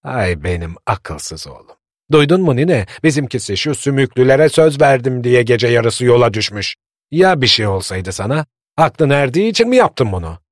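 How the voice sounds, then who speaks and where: A man voicing a worried, gruff old village grandfather who scolds and frets. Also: on the low side, normal speed, dry recording, studio quality, natural voice. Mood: scolding. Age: older. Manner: scolding, fretful.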